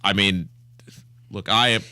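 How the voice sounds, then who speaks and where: A man co-hosting on radio with an emphatic, deliberate way of talking. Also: lowish voice, steady tone, pushed and bright, dry recording, studio quality. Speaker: radio co-host. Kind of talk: radio talk and host-read ads.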